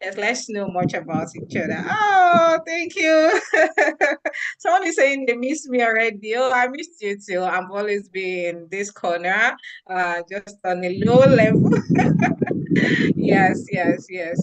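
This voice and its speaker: A woman's voice: medium pitch, rough recording. A woman with a Nigerian accent hosting an online roundtable in an effusive, chatty way, often repeating her phrases. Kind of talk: informal online event hosting. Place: online video or conference call.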